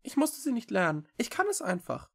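A man voicing a small, curious male cat creature in a storybook reading, with a high, quick, eager voice. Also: huge pitch swings, vocal fry, fairly bright tone, husky, full character voice. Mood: proud.

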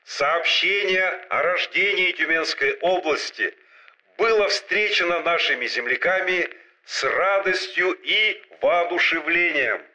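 A man voicing a booming, solemn state announcer, grave and ceremonial, reading in the style of a 1940s Soviet radio bulletin. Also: sharp tone, rough recording. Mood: solemn, proclaiming. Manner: booming, solemn, deliberate enunciation.

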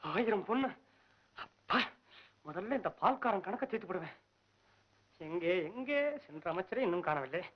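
A frantic, whiny comic poet. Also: male voice, lively intonation, normal speed, pauses often. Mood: excited. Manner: frantic, whiny, jumps between high and low. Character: poor, anxious, comic male poet. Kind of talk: 1960s film acting. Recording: dull old film soundtrack.

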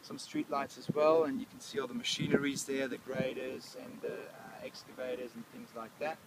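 A man in his thirties with an Australian accent, a council project manager giving a relaxed walkthrough outdoors with many ums and restarts. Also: mid-range voice, moderate pace, very noisy. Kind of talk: casual on-site walkthrough. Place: outdoors at a construction site. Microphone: lapel mic.

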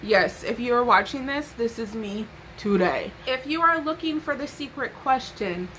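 A woman's voice: on the high side, expressive, moderate pace, fairly bright tone, slight background noise, low-quality recording. A young woman vlogging a casual haul to camera from her bedroom, sassy and chatty with playful asides.

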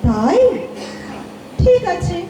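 A woman voicing a kindly, motherly river goddess in a radio play, speaking slowly and soothingly with a light teasing edge. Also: very high voice, very animated, warm tone, heavily acted. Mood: gentle. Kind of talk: amateur radio play acting. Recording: echoey room with faint noise.

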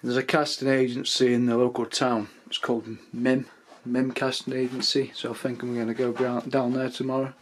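A man's voice: mid-range voice, little pitch movement, moderate pace, hardly any pauses, slight background noise. A young man from England, talking casually to his camera in a rambling vlog rant. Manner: chatty, rambling, acts out drunk anecdotes in raised voices. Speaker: vlogger. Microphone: camera mic.

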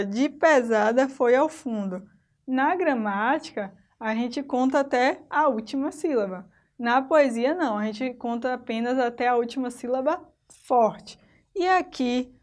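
A woman with a Brazilian Portuguese accent teaches a recorded remote lesson. Her voice sits a little high for a woman. She explains patiently, step by step, and keeps pointing her students to what is on the screen.

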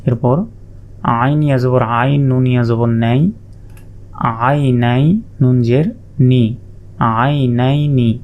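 A man's voice: medium pitch, little pitch movement, takes it slowly, long pauses, narrow, tinny audio. A man teaching Quran reading, spelling out letters and vowel marks patiently, stretching sounds in his examples. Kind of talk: step-by-step spelling lesson.

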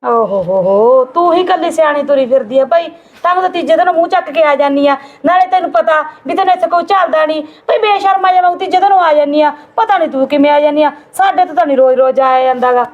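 A woman's voice: high voice, fast talker, phone-quality sound. A woman playing a defensive, taunting sister-in-law in a Punjabi family drama skit.

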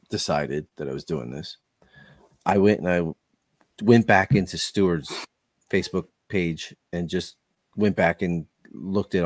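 Deep-voiced enthusiastic male hobby host. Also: dry recording. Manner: enthusiastic, rambling with restarts. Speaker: podcast host. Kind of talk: casual chat.

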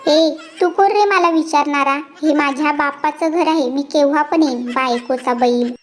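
A performer voicing a bossy, quarrelsome middle-aged aunt in a cartoon, scolding and sharp-tongued, with a high pitch-shifted voice. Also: female voice, moderate pace.

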